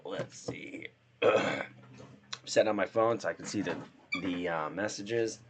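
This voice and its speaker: A man with a hoarse voice from being sick, chatting casually and thinking aloud while setting up a live stream and playing a game. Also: sits low, slow, a little hiss or hum.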